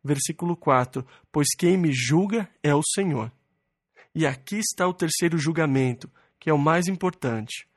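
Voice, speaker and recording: Preacher man with a fairly high, dry voice. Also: no echo. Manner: reads verses then explains plainly. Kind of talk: expository Bible sermon.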